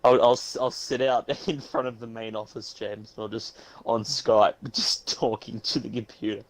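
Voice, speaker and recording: A man's voice: mid-range voice, little pitch movement, normal speed, no echo, rough recording. Tired young English man, chatty podcast co-host. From England. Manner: laughs easily, stumbles over names. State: tired, yawning. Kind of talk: casual sports chat.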